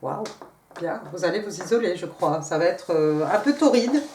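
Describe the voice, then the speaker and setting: Brief: woman tarot reader, halting and chatty, a bit off the mic in a roomy room. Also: lowish voice, animated, a little mellow, recorded from a distance, a little hiss or hum. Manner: hesitant, many fillers and restarts. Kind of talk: casual tarot reading. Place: room at home.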